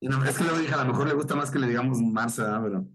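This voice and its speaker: A man with a Mexican accent, a pastor leading a Bible study, who reads verses slowly and stops to explain them and question his listeners. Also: medium pitch, a crowd in the background, poor audio.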